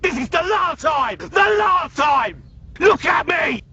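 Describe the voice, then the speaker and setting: An actor playing an angry, abusive football dad, bellowing insults from the sideline. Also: male voice, very high-pitched, expressive, slow, shouting, noisy background, heavily acted. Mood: furious shouting. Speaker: parent spectator in a campaign video. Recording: dull recording with outdoor ambience.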